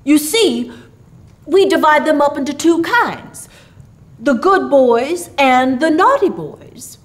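Woman reader as old man Santa Claus for a storybook: hearty, kindly, folksy, drawn-out and lively in pitch. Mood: explaining. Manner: folksy, drawling, reassuring.

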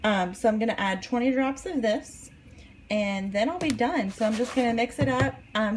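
In her home kitchen, a young woman in her twenties casually demonstrates a recipe, chatting as she works and saying "um" a lot. She's a vlogger with a mid-range voice, and there's background noise.

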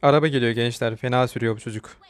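A man commenting live on his own mobile game match, excitable and shouting in panic when chased. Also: medium pitch, rapid-fire, no echo. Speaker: gamer streamer.

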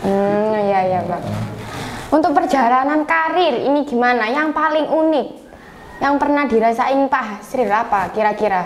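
High-pitched woman host keeps saying yes yes, echoey room. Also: moderate pace. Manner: eager, frequent short agreements and laughs. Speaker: podcast host, interviewer. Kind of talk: casual interview. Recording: roomy echo, faint ambient noise.

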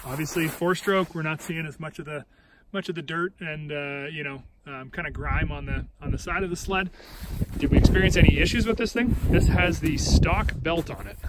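A man giving a casual, rambling walkaround review of a snowmobile outdoors, filming on a handheld phone, with many restarts and filler words. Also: a little high. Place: outdoors on snow beside a snowmobile. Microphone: handheld phone camera. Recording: outdoor phone recording with engine noise.

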